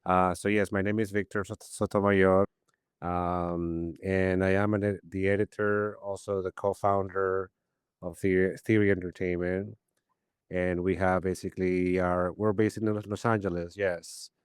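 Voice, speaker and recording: A Peruvian poet in his 50s, whose first language is Spanish, appears as a podcast guest for a casual storytelling interview. His voice is deep and smooth, his pace measured, and he rambles animatedly with many restarts. The studio sound is clean, with no room sound.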